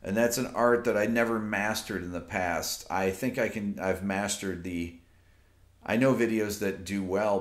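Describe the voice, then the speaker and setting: A deep-voiced, relaxed YouTube music channel host chats on a late-night livestream, reading viewer comments aloud and rambling through answers with lots of fillers. He sits at a desk with his phone in a roomy home music studio stacked with amplifiers, captured by an off-camera mic.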